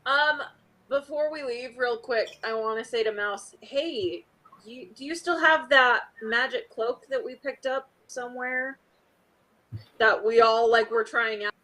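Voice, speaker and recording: Bright-voiced woman playing a tabletop game. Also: fairly high pitch, unhurried, poor audio. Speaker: player. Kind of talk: casual tabletop game chat.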